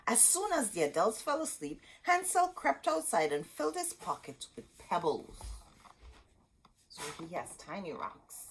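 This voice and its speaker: In a poor-quality recording, a woman with a mid-range, slightly breathy voice hosts a children's storytime. She reads a picture book aloud with expression, speaking in an animated, deliberate way directly to her young listeners.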